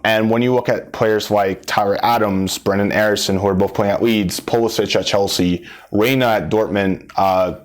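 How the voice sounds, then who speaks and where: Interview guest, soccer scout, man from Brazil, lowish voice, thoughtful delivery with lots of ums. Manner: measured, hedging with frequent ums.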